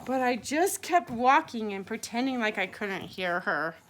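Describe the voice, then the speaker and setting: A woman's voice: on the high side, big pitch swings, unhurried, fairly bright tone, a little hiss or hum. A woman telling a playful improvised story to a child, laughing often as she goes.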